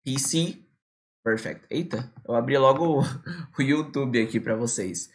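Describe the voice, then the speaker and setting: A man teaching English on a live stream, dropping into slow, careful English for his examples. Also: medium pitch.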